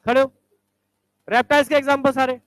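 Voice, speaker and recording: A male teacher quizzing students in a classroom, briskly ordering them to stand up and recite examples. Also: extremely high pitch, level tone, a bit bright, dry recording.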